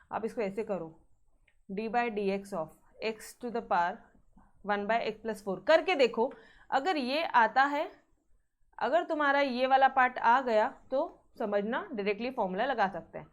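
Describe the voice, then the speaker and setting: A woman teaches a maths class, blending Hindi with English terms, frequently checking on her students and sternly urging them to practise. Her voice is fairly high and expressive, and she speaks slowly.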